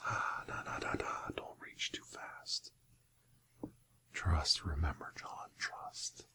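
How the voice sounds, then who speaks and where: A man in a whispered role-play, voicing a sly, menacing interrogator who is a time-travelling doctor, questioning and bargaining deliberately. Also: pushed and bright. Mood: hushed, coaxing.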